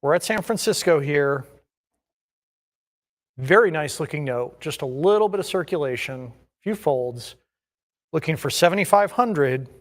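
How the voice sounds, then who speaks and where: A man's voice: fairly high pitch, lively intonation, measured pace, long pauses. A man working as an auctioneer, calling bids in a repetitive chant of numbers and increments.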